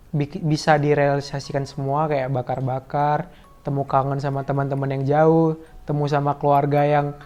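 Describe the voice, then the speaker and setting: A man of about twenty rambles casually to camera, leaning on fillers. His voice is smooth and resonant and a bit high for a man. The recording sounds slightly dull and muffled. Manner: rambling, heavy use of fillers.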